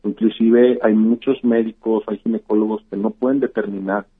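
A man's voice: on the low side, fairly even intonation, moderate pace, husky. A man, a physician explaining things patiently in a radio interview, with many "eh" fillers and "¿verdad?" tags. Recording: tinny phone-like line.

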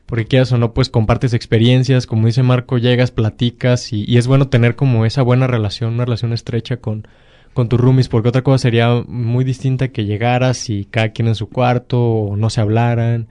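Mellow-voiced young Mexican man chatting. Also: medium pitch, level tone, a little fast. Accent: Mexican Spanish. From Morelia, Michoacán, Mexico. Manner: storytelling, acts out quoted dialogue. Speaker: university student. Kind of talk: casual chat.

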